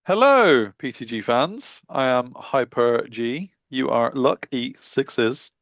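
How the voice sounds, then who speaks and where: A man putting on a slow, mechanical robotic voice to open a tabletop gaming show. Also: mid-range voice, dull audio. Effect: put-on robotic voice, slow and flat. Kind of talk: mock-robotic show intro.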